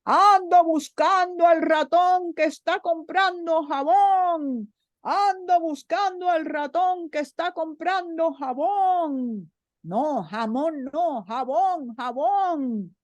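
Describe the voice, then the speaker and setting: A woman voicing a flustered bewitched horseman in a folk tale, calling out loudly. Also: extremely high pitch, moderate pace, few pauses, no room sound, pitched above the performer's own voice. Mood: flustered shouting.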